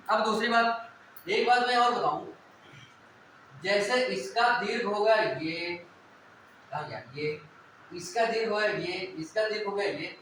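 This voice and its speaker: High, bright-voiced male teacher in an echoey room. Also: distant mic, slight background noise. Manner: explains step by step, often checking understanding with "ठीक है?". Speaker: Hindi grammar teacher. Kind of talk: classroom lecture on Hindi vowels.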